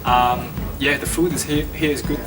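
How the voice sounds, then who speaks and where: Loud music plays behind a man who sits slightly away from the microphone. He has a Japanese accent and a middling pitch. He answers casually as an interviewed student, hesitating and restarting his phrases. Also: fairly even intonation, moderate pace, far from the mic, poor audio. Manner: hesitant, repeats and rephrases phrases.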